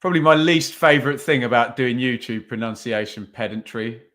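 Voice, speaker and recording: With a medium-pitched, slightly bright voice and a pace that runs a little fast, a podcast host gives chatty live commentary while watching football, thinking aloud with tag questions.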